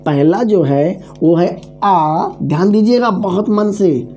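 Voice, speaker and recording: A man's voice: high voice, lively intonation, dark tone. A man teaching an online exam-prep grammar lesson, drilling syllables and chanting memory formulas while checking that students follow. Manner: drills syllables slowly, keeps checking understanding; repeats mnemonic formulas aloud.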